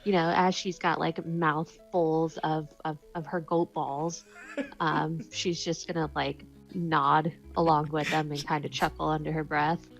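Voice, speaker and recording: Low gravelly woman at the game table. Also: level tone, unhurried, soft background music, poor audio. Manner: rambling, fillers, chuckling. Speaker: player. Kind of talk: casual tabletop play, describing her character.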